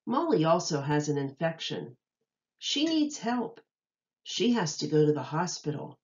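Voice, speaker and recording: A woman with a slightly low, sing-song, slightly mellow voice reads a children's book aloud in a teacherly way. She says each phrase with careful, deliberate pronunciation for young listeners, and the recording sounds a bit dull and lo-fi.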